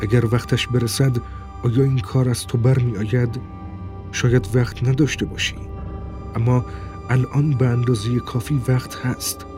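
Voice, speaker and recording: A man narrating an audiobook in a steady, tense storytelling voice. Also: mid-range voice, over music. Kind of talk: scripted narration.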